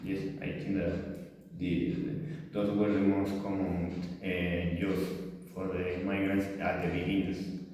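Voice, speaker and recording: A man's voice: low voice, level tone, takes it slowly, a little mellow, a little hiss or hum. A young man from Venezuela, a Spanish speaker, gives a hesitant class presentation full of fillers and restarts. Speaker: language student presenting. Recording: distant, echoey room.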